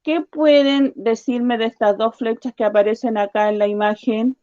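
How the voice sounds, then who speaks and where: A woman teacher giving a science lesson to children, patiently repeating her questions and slowly spelling out each point. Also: a little high, steady tone, darkish tone, no room sound, muffled recording. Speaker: primary school teacher.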